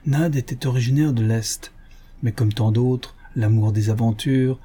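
A man reading an adventure novel aloud in a steady, measured narration. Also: medium pitch, slightly rough. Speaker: audiobook narrator. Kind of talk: scripted narration.

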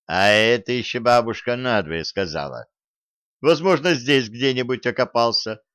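A man's voice: medium pitch, expressive, normal speed, a bit bright, no echo, close to an everyday voice. Cocky bossy young man, a reader putting him on, dry close sound. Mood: commanding. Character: young brash scheming man, royal gossip.

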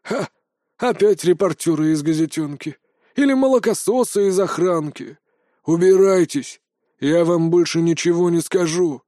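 A tiny, very old army veteran talks in a rambling, emotional way, gruff one moment and tearful the next, with a man acting him out. His voice is set somewhat higher than the narrator's. The audiobook recording is close and dry. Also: a little slow, warm tone, no echo. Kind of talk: audiobook character voice.

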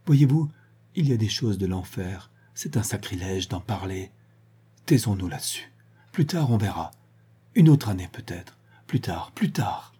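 Grave, devout Breton peasant woman in a storybook reading, played by a man, very dark husky voice. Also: on the low side, normal speed. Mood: terrified. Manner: solemn, fervent.

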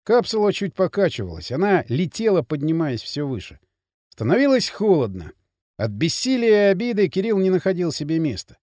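A man narrating an audiobook with a dramatic, expressive reading. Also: sits high, brisk, no echo, clean studio sound. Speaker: audiobook reader.

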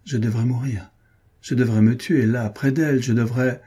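A man's voice: medium pitch, fairly even intonation, normal speed, mellow, husky, lightly acted. A man voicing a grief-stricken male painter, obsessive and volatile, with a feverish, exclamatory way of speaking. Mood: despairing.

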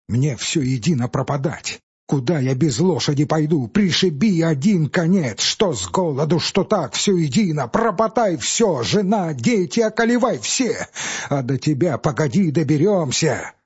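A man voicing a desperate poor peasant man who shouts and curses in a high, strained voice. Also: very animated, slow pace, breathy edge, heavily acted. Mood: raging despair. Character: desperate ragged peasant man, furious and despairing. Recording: dull audiobook recording with faint music.

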